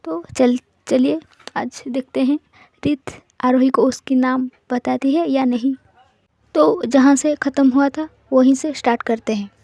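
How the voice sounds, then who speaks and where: A woman's voice: sits high, steady tone, a little slow, creaky, mellow, no room sound. A woman narrating a romance story in a casual, chatty way and talking directly to her listeners as the channel's host.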